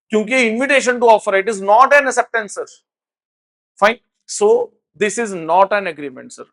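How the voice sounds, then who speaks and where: High-voiced Indian man teaching law. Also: fairly bright tone. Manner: mixes Hindi and English, tags lines with "sir", asks checking questions. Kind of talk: recorded lecture.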